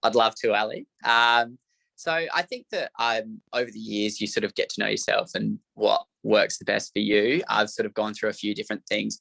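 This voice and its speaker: A man's voice: fairly low pitch, vocal fry, sharp tone, dry recording, low-quality recording. A young man giving a youth mental health workshop presentation, explaining slides with frequent fillers.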